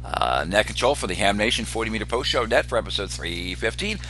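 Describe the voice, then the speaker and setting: A man casually hosting a ham radio net as its control operator, with a halting delivery full of pauses. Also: fairly low pitch, animated, bright, forceful tone. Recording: noticeable hum and background noise.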